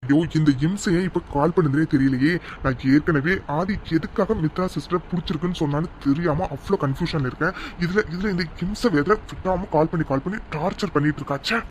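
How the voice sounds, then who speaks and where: A man's voice: on the high side, fairly quick, a little mellow, a little hiss or hum, close to an everyday voice. A man voicing a curt, mocking young man who brushes off a caller in a cartoon love story. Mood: irritated. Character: rude, dismissive young man. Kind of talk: cartoon voice acting.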